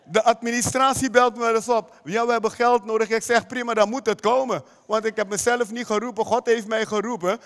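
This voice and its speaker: High-voiced emphatic male preacher. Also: steady tone, fairly quick, few pauses, big-room sound. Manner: emphatic preaching, direct questions to the congregation. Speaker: pastor. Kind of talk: sermon. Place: church hall.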